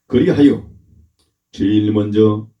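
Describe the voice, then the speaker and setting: A man, a pastor, delivering a sermon in a slow, emphatic way and asking the congregation to repeat after him. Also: fairly low pitch. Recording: roomy, dull lo-fi church recording.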